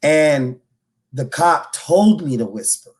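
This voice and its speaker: A man on a podcast, retelling a personal story in a loose, animated way, with restarts and swearing. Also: a little high, slow pace. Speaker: podcast co-host. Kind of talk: casual conversation.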